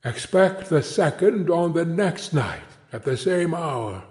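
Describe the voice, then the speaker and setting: Give me a man doing a grieving ghost in chains for a read-aloud storybook, solemn and declaiming, lifting to a higher voice. He drags out every word slowly. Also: lively intonation, darkish tone. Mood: mournful warning. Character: anguished chained ghost of an old businessman.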